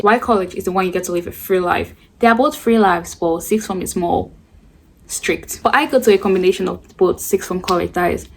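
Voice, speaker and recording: Doing her makeup for a get-ready-with-me vlog, a teenage beauty vlogger in her late teens yaps away casually in a rambling, chatty style. Her voice is on the low side, with a bit of hiss or hum in the recording.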